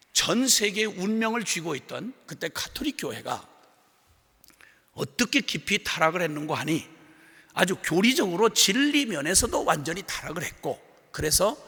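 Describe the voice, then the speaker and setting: Middle-aged preacher guy, high lively voice, gravelly and bright, jokey sermon stories, big echoing hall. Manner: humorous storytelling with sudden loud outbursts. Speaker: missionary preacher. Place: large revival assembly hall. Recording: long reverb of a big hall.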